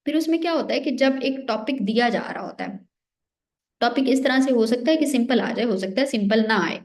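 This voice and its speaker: A young woman gives an exam-prep lecture in a fairly high voice. She walks through each point step by step, often posing a question and answering it herself. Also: brisk. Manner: explains step by step, often asks and answers her own questions. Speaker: teacher.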